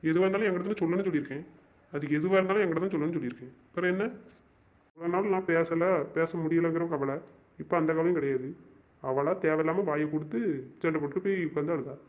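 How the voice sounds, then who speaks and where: A young man acting as a stubborn, wounded young lover, who rattles off insistent, exasperated complaints at a brisk pace. His voice sits a bit high for a man. The amateur web-drama recording sounds dull and lo-fi. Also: natural voice. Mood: frustrated. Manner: insistent, exasperated, repeats himself.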